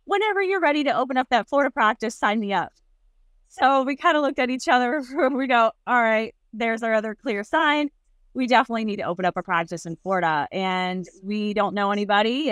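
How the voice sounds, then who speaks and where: A woman's voice: mid-range voice, a bit bright, no echo. A woman in her thirties hosting a casual, motivational solo podcast, speaking earnestly and conversationally off the cuff into headphones used as a mic inside a moving truck. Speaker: podcast host, business owner.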